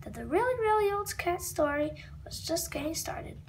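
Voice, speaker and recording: In a noisy home recording full of room ambience, a child with an extremely high voice reads a comic book aloud at normal speed. The pitch swings widely as the young host trips over words and wanders into side comments.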